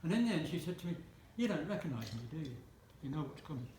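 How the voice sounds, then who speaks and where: A man's voice: on the high side, very animated, fast, darkish tone. A man in his seventies giving a wedding speech, with dry, self-mocking humour and teasing asides to the couple. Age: 70s. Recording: roomy hall with faint noise.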